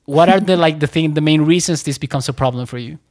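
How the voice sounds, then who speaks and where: A man hosting a podcast interview, friendly and loose in his phrasing, and quick to laugh along. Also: a little high, darkish tone. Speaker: podcast host.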